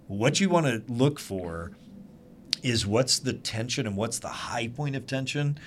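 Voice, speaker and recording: A man leading a small group Bible study, telling the story earnestly and lively with asides to the group. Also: mid-range voice, measured pace, slight background noise. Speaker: Bible teacher.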